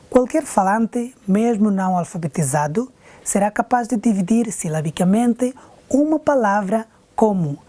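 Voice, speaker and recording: A woman teacher with an Angolan Portuguese accent, giving a slow, deliberate televised lesson. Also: mid-range voice, warm tone, no echo.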